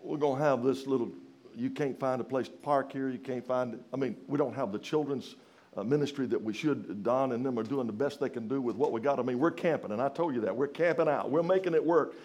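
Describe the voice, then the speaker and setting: A man from rural Louisiana with a Southern US accent preaches a sermon in a folksy, emphatic style, his mid-range voice moving fairly quickly. He puts rhetorical questions to the congregation and swings between raised exclamations and hushed phrases.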